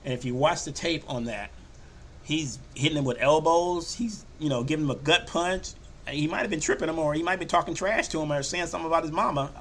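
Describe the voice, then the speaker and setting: An older man hosting a sports podcast, talking casually and loosely, often slipping into animated quoted voices. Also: fairly high pitch, a little fast, slight background noise. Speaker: podcast host. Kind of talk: casual sports talk monologue.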